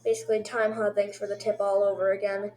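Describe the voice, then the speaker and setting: A woman casually reviewing episodes one by one, rambling excitedly and throwing in sound effects like boom. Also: fast talker, slight background noise.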